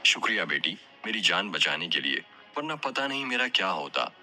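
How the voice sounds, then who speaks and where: A man voicing a kind, generous older mother in an audio story, talking warmly and affectionately. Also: low-pitched, very animated, normal speed, faint music behind, exaggerated voice. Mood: warm, motherly.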